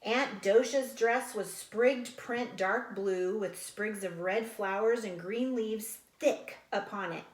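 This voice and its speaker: Like a teacher explaining things to young listeners, a woman reads a children's book aloud with expression and no hurry. Her voice is medium in pitch, slow, and has hardly any pauses. The recording carries a roomy echo and faint background noise.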